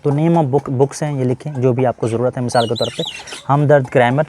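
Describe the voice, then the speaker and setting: Pakistani guy teaching english letters, slow and patient, warm low tone. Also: fairly even intonation, slight background noise. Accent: Pakistani Urdu. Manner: patient, mixes English with Urdu explanations. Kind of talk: explaining a letter-writing lesson.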